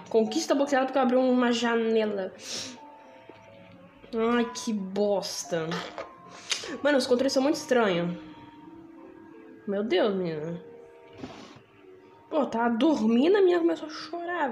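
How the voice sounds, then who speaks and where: A woman's voice: on the high side, animated, a little slow, long pauses, a little mellow. A woman with a Brazilian Portuguese accent hosting a casual, profane let's play of a horror game, laughing along. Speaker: gaming channel host. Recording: echoey room, game music behind.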